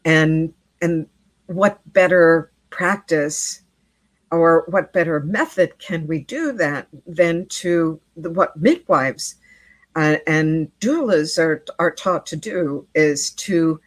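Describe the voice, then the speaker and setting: Middle-aged woman guest, low and slow-paced, earnest storyteller, dry close mic. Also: no room sound. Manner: earnest, repeats words while telling a story. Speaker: interview guest, midwife. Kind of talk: storytelling in a podcast interview.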